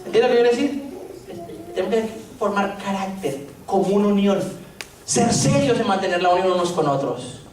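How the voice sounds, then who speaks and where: A man's voice: high voice, expressive, moderate pace, darkish tone. Brief: male pastor, humorous storytelling sermon, heard from a distance in a very echoey hall. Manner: joking, storytelling preacher with rhetorical questions. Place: church hall. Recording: echoey church hall, distant mic, faint noise.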